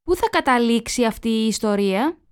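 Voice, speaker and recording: A woman reading a language lesson aloud, slowly and clearly, sentence by sentence. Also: fairly high pitch, animated. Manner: slow, clear dictation of sentences.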